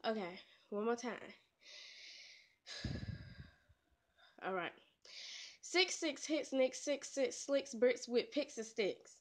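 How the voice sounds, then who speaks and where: A woman's voice: fairly high pitch, animated, takes it slowly, pauses often. A woman vlogger, attempting tongue twisters in a casual challenge video, playful and teasing. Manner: playful, trash-talking, laughs at her own slips.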